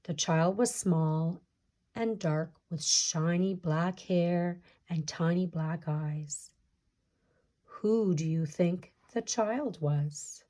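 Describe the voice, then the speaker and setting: Taking the role of storyteller, a woman reads a picture-book folktale for children. Her fairly low voice has a soft edge, and she lingers over each phrase in a measured way meant for her listeners.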